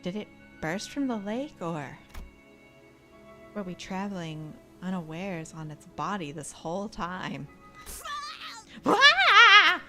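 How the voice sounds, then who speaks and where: A woman's voice: fairly low pitch, unhurried, loud music behind the voice, rough recording. A woman reading game dialogue aloud in a theatrical manner, breaking off for casual asides.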